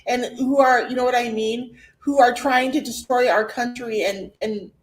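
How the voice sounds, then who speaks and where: Casting note: high-pitched woman, rambling chatty co-host, echoey room. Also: steady tone, moderate pace. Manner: rambling, filler-heavy. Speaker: podcast co-host. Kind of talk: casual chat. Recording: roomy echo.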